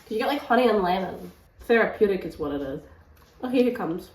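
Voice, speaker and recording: Speaking fast and animatedly in a mid-range voice, a woman vlogs about books from her home kitchen. She has a stuffy cold and keeps things chatty and rambling, full of fillers. The room echoes and the microphone is set at a distance.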